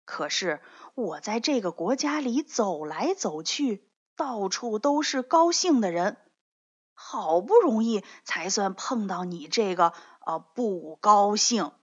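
A woman voicing a kindly old male immortal in a children's story, speaking slowly and soothingly. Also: mid-range voice, expressive, slightly rough. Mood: gentle, coaxing. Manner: slow, soothing, drawn-out words. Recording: dull lo-fi recording.

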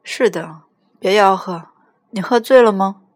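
A woman voicing a teenage girl on a late phone call, brisk and impatient. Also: mid-range voice, dry recording.

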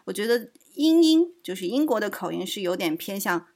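A woman's voice: medium pitch, big pitch swings, brisk, darkish tone. Female co-host from China, easygoing podcast banter, teasing and light. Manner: playful, laughs easily. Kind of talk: casual chat.

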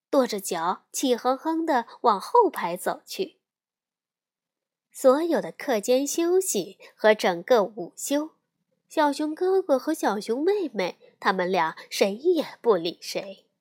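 A woman reading a children's picture book aloud in an expressive storytelling manner. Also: sits high, takes it slowly.

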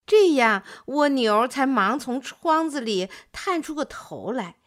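A woman narrating a children's fairy tale in a gentle, expressive storyteller's manner. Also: high-pitched, slow.

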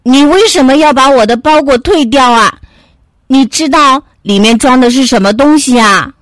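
A woman voicing a big, kindly male bear in a children's story, speaking deep and earnestly. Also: animated, takes it slowly, no room sound, studio quality. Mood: angry. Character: big kindly bear brother, easily upset.

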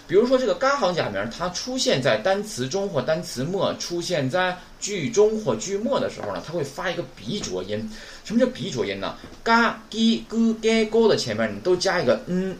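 A man teaching a recorded Japanese lesson. He keeps asking rhetorical questions and models pronunciation slowly and clearly. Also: fairly high pitch, big pitch swings. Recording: roomy with faint background noise.

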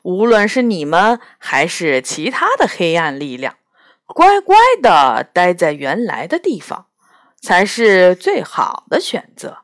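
A gruff, proud palace beast with a dragon's body and bull horns, as a woman reading a storybook puts him on. He talks bluntly and with scorn, pitched well below her own voice. The pace is slow and the sound is dry and close. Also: wildly swooping pitch, no room sound, heavily acted. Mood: scornful. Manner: blunt, scoffing.

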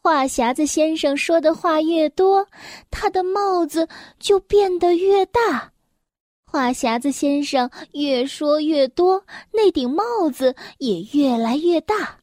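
A woman reading a children's story aloud in a gentle, expressive storytelling voice. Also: high voice, takes it slowly, no room sound, studio quality.

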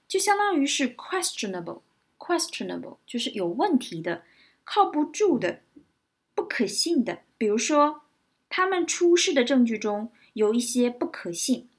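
A woman teaching English vocabulary in a lesson, spelling words out letter by letter and repeating example sentences slowly. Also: on the high side, husky.

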